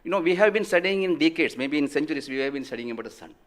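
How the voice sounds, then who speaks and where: Man, Indian English accent, quick delivery, emphatic, says actually a lot. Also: a little high, expressive. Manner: uses 'actually' often, emphatic. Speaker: payload scientist. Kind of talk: live broadcast interview answer.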